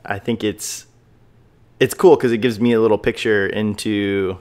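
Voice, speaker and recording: A man's voice: fairly low pitch, fairly even intonation, normal speed, a little mellow. A man hosting a casual podcast interview, upbeat and enthusiastic, with frequent fillers. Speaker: podcast host.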